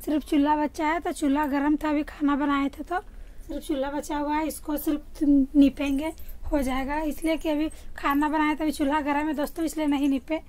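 Young woman vlogging with a high voice. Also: level tone, brisk, darkish tone. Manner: chatty, addresses viewers often. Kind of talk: casual home vlog. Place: rural home and yard, in and out of doors. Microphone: phone at arm's length.

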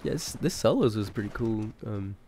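A man with a low, gravelly voice rambles casually at normal speed while commenting on gameplay. He sounds sick, clears his throat repeatedly, and swears freely, with a steady hiss of noise behind him.

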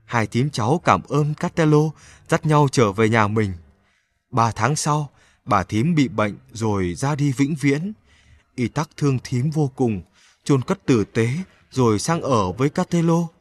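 A man narrating a children's fairy tale with expressive, animated storytelling into a close mic. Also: mid-range voice, a little slow.

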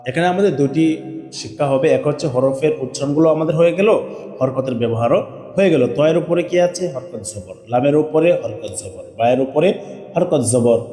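A male Quran teacher drilling Arabic letters and vowel marks in a slow call-and-response lesson, asking questions and answering them himself. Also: on the high side, mellow, echoey room, in a large hall, faint music behind. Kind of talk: online Quran alphabet lesson.

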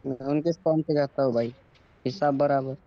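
A man talking with his squad during a shooter game, brisk and teasing. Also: medium pitch, steady tone, dull audio. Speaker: teammate on voice chat. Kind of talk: casual game voice chat.

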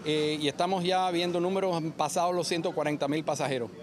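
A middle-aged man interviewed in a busy airport terminal, speaking haltingly with many fillers and restarts. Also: a little high, fairly even intonation. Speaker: airport spokesman.

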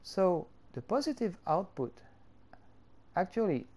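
This high-pitched, slightly mellow male voice moves through big pitch swings. The speaker, whose first language is French, creates tutorials and here explains a game editor in accented English, slowly and stage by stage, with fillers along the way.

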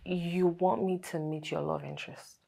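A woman's voice: low voice, steady tone, moderate pace, creaky, music in the background. An actress playing a flustered, defensive young woman with a Nigerian English accent who is embarrassed by her friend's teasing. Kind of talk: film drama. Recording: noisy film audio.

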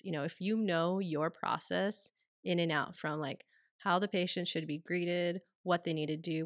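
A woman in her thirties talks on a podcast from a small quiet room. Her voice is low for a woman, and she rambles casually with plenty of fillers. The recording is close and dry on a studio mic. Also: no echo. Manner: rambling, many fillers like "you know" and "um". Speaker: podcast co-host, clinic owner. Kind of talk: casual explanatory podcast talk. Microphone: studio mic on stand, headphones.

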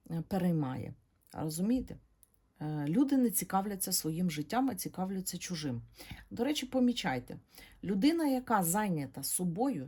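A woman giving a tarot reading to her viewers, speaking in a gentle, halting way and calling them her dears. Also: sits low, breathy edge. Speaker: tarot reader.

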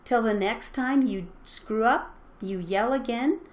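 A woman's voice: fairly high pitch, a little slow. A middle-aged woman giving an earnest, encouraging motivational talk as a parenting coach, speaking straight to her listeners.

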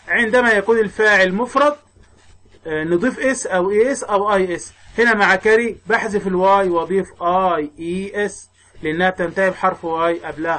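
A man with an Egyptian Arabic accent teaches English grammar in a recorded lesson, in a high voice. He works through the rules step by step, putting questions and then answering them. He reads word lists slowly and loudly for repetition. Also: low-quality recording.

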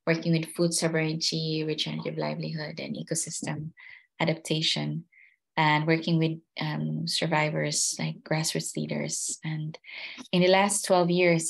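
Low husky woman presenting. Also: low-quality recording. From Philippines. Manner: hesitant, many fillers and restarts. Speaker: guest speaker. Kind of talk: presenting slides on a video call. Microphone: laptop mic on video call.

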